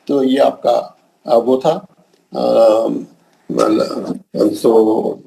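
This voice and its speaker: Over an online class call, a middle-aged man with a Hyderabadi Urdu accent teaches Quran pronunciation, patiently repeating letters and correcting students in a slow, drilled tajweed recitation. His medium-pitched voice is warm and fairly even, with vocal fry and a breathy edge.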